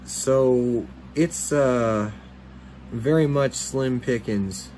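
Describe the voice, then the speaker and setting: A man's voice: mid-range voice, extremely slow, a little mellow, slight background noise, poor audio. A man hosting a fishing channel, talking casually in a rambling voice-over with many fillers and restarts.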